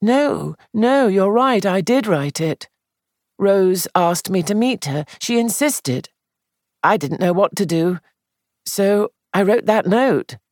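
A reader voicing a distraught young man accused of murder, pleading in a high, shaky voice. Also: lively intonation, slow pace, a little mellow, no echo, clean studio sound. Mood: defensive. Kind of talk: audiobook character voice.

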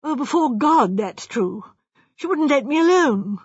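A woman's voice: high voice, animated, unhurried, no echo, muffled recording, pitched above the performer's own voice. A woman voicing a distraught young male architect in an audiobook, with a stammering, pleading, ladylike way of speaking. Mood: wretched.

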